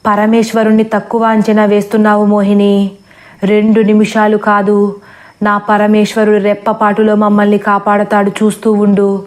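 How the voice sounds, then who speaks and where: A woman's voice: medium pitch, monotone, moderate pace, a little mellow, close to an everyday voice. A woman voicing a devout male ascetic who chants and prays earnestly in a storybook horror tale. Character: devout male ascetic, steadfast, praying to Shiva.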